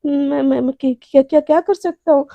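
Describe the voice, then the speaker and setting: A woman's voice: sits high, steady tone, fast, gravelly, no room sound, phone-quality sound. A woman voicing a shy, flustered young woman who stammers and repeats words.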